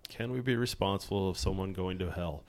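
A man's voice: low voice, fairly quick. A man on a podcast answering a theology question, searching for words and repeating himself as he goes. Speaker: podcast co-host. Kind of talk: casual theological discussion.

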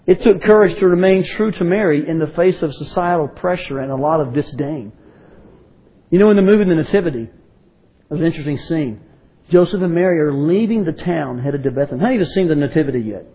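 A man's voice: a little high, animated, fast, slightly rough, muffled recording. A man preaching a sermon to a congregation, asking rhetorical questions and prompting his listeners to respond.

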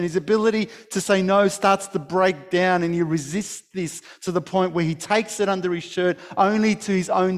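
A male pastor preaches and tells a story with emphasis, restarting his phrases as he goes. His voice sits fairly high. It rings out in a hall with a long echo. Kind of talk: sermon.

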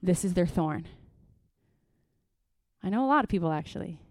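A middle-aged woman pastor giving an earnest, lively workshop talk to parents, with praise asides and acted-out stories. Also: on the low side, normal speed, dry recording. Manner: lively storytelling, acts out quotes with bursts.

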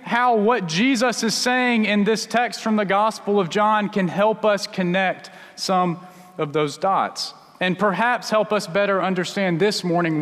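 High-voiced male pastor in reverberant sanctuary. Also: fairly bright tone. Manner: storytelling, conversational with many restarts. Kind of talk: sermon.

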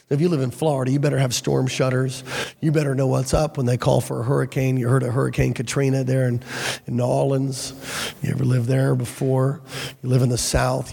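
A man preaching as a pastor with a gravelly voice, hoarse from a cold, in a deliberate, emphatic sermon delivery. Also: mid-range voice, warm tone. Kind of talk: sermon with scripture reading and prayer. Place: large church hall. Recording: reverberant large-hall sound.

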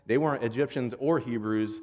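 This pastor's mid-range voice is a little mellow, and he talks a little fast as he preaches in an informal, earnest, conversational manner. Stories and prayer fill his sermon, with phrases repeated for rhythm, all heard through long hall reverb.

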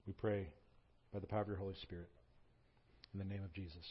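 A pastor in his forties from Southern California, who prays quietly and then preaches in a lively storytelling way with touches of humor. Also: sits low, fast, husky, highs cut off. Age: 40s. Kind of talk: sermon.

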